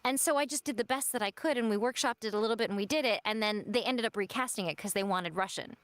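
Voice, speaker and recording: Young adult woman, voice actress guest, chatty and laughing, mid pitch, dry close sound. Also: quick pace, no echo. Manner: chatty storyteller, laughs often. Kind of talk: casual stream chat.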